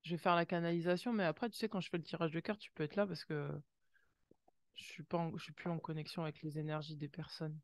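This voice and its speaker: A woman's voice: low voice, steady tone, quick pace, no room sound. Exclaiming woman reading oracle cards. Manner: exclamatory, lots of gasped wows and sound effects; speaks directly to viewers in warm second person. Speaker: oracle card reader. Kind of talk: intuitive card reading, channeling.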